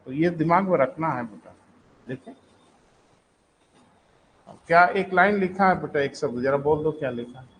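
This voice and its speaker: A man teaching economics to a live class, quizzing and scolding students and dictating notes slowly. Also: a little high, a little hiss or hum, low-quality recording.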